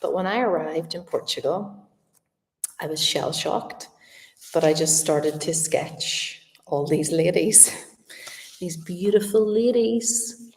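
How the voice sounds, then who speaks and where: A middle-aged woman with a slight slushy lisp from a retainer, chatting casually on a livestream in a reflective, halting way. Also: lowish voice, a little mellow. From Northern Ireland. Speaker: artist and art teacher hosting a live Q&A. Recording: echoey room, distant from the mic.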